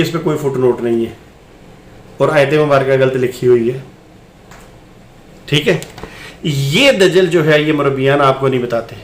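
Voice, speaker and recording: A man's voice: fairly high pitch, echoey room. A man hosting his own channel, insistently commenting on a debate clip and addressing viewers directly. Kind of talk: argumentative video commentary.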